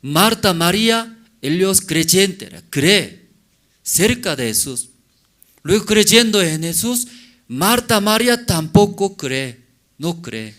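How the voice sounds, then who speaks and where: A man preaching a sermon as pastor, in halting non-native Spanish with broken grammar, often asking the congregation questions. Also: fairly high pitch, fairly bright tone. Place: church service.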